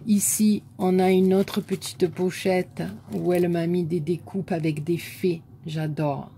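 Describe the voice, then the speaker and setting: A woman with a southern French accent, a scrapbooking vlogger softly admiring crafts one by one in a casual show-and-tell chat. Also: lowish voice, little pitch movement, measured pace, a little hiss or hum.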